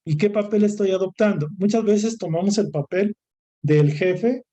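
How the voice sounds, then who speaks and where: A man's voice: sits high, normal speed, dark tone, dull audio. A man with a Mexican Spanish accent giving a recorded course lecture, talking in a discursive way that repeats, lists and restarts phrases. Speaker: course instructor.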